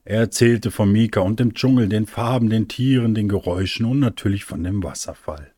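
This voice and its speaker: Male storybook narrator, low, calm and warm, dry studio sound. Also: fairly quick, no echo. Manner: calm, warm reading for children. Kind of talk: storybook reading.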